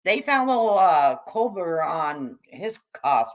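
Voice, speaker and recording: In a low-quality recording, a middle-aged or older American woman raised among hippies hosts a casual livestream, reading chat and answering with salty, slangy, irreverent jokes. Her slightly low voice swings widely in pitch, and she takes an unhurried pace.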